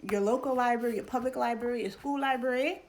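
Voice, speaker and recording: A young adult woman from New York, hosting a casual educational talk to camera in an animated, chatty way with fillers. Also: fairly high pitch, fast talker. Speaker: channel host.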